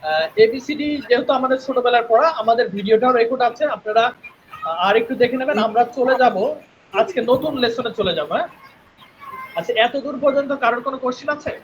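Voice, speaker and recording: A man's voice: very high voice, highs cut off, a little hiss or hum. A man teaching an online spoken English class, patient and repetitive, often checking in with his students. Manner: patient, repeats sounds slowly, checks in with "right?". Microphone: headphones on a video call.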